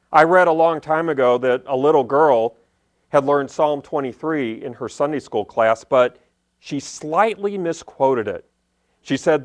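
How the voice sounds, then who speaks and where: A man preaching a conversational Sunday sermon as pastor, plainspoken and repeating key phrases for emphasis. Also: on the high side. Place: church service.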